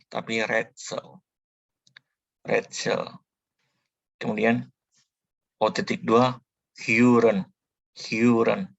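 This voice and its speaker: A man giving a slow spoken language tutorial, patiently repeating each sound several times as a teacher. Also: fairly low pitch, creaky, breathy edge, no echo, muffled recording.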